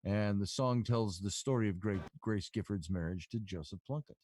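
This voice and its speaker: A man's voice: lowish voice, moderate pace, a little mellow, slight background noise. A man hosting a podcast, telling long stories in a casual, rambling way with lots of fillers. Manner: rambling, filler-heavy storytelling. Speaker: podcast host. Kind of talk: casual storytelling chat.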